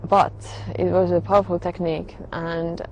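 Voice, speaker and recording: A woman, sharing her personal testimony in a halting, reflective way full of pauses and fillers. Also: fairly low pitch, level tone, dull audio, slight background noise. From Finland. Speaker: religious convert sharing her story.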